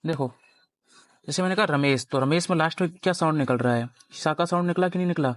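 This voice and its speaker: A man's voice: a little high, fast talker, dry recording. Male teacher quizzing his class, dry sound. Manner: explains step by step, keeps quizzing the students. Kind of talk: classroom grammar lecture at a board.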